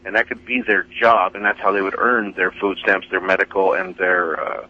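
A man's voice: deep voice, fairly even intonation, moderate pace. A man calling in to a talk radio show over the phone, folksy and rambling. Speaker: caller. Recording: dull phone line.

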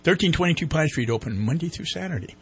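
A man's voice: a little high, animated, fast, breathy edge. A man hosting a radio show, chatting casually and reading sponsor mentions in an off-the-cuff way. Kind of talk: casual radio chat with live sponsor reads.

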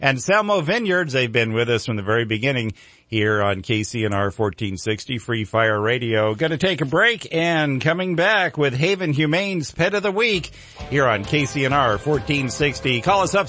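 A man's voice: mid-range voice, expressive, moderate pace, pushed and bright, faint music behind. An American man hosting local morning radio in a folksy, rambling, unscripted way. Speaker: local radio show host.

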